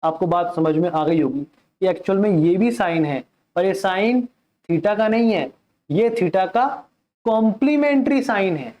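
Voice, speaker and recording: A man's voice: sits high, unhurried, muffled recording. A male math teacher giving a classroom lecture who mixes English terms into his Hindi and keeps asking questions and then answering them himself.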